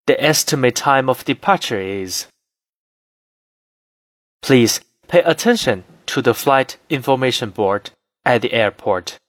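Slow, formal male flight attendant announcement. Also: mid-range voice, a bit bright, no room sound, studio quality. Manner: formal, measured, phrase-by-phrase reading. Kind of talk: scripted airline cabin announcement.

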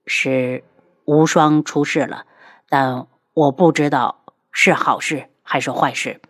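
Woman putting on a low calm husband voice, soothing, steady. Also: measured pace. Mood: confiding. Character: calm protective young husband, a prince.

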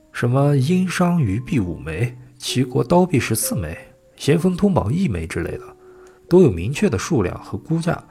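A man reading a first-person story aloud as an audiobook narrator, in a measured storytelling manner. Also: medium pitch, creaky, a little mellow. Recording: faint music behind the voice. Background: faint music.

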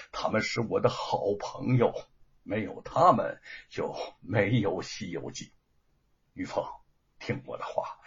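A man's voice: medium pitch, husky, heavily acted. A man voicing an earnest, defiant male scholar who speaks with passion. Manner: impassioned, pleading. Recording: dull lo-fi recording.

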